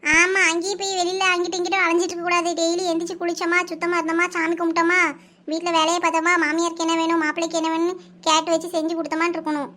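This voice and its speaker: A woman voices village women in a Kanyakumari Tamil accent, with a very high, bright, sharp tone. She talks quickly and bossily, like brisk village chatter in a cartoon. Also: level tone. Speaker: cartoon voice artist. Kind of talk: cartoon voice acting.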